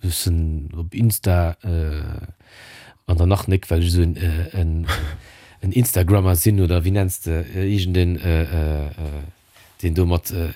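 A man being interviewed in a relaxed chat, talking hesitantly with frequent filler sounds and restarts. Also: low voice, normal speed, no echo, clean studio sound. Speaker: podcast guest.

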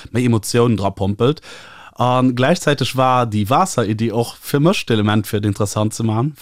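Mann, luxemburgischer akzent, erzählt mittellage, zögert bei antworten, nah am mikro ohne hall. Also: male voice, medium pitch, clean studio sound. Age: 30s. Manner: lively reading, hesitant when answering. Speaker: author. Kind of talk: reading from his novel and interview answers.

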